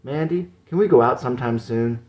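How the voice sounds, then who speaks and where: A man's voice: mid-range voice, fairly quick, darkish tone, pitched above the performer's own voice, close to an everyday voice. A man voicing a lovesick young man who pleads with anxious, raised questions. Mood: pleading.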